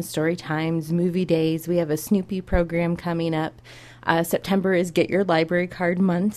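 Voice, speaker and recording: Upbeat young librarian woman, low voice. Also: a little mellow. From Iowa, USA. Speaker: public librarian. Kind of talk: radio interview guest.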